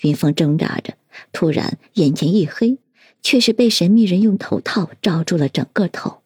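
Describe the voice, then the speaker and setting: Brief: female audiobook narrator, husky and lowish, measured storytelling, dry close recording. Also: expressive, darkish tone, no room sound.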